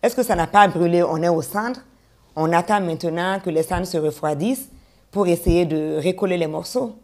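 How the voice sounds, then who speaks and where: A woman's voice: lowish voice, moderate pace, a little mellow. A woman hosting an interview, asking questions and prompting with brief backchannels.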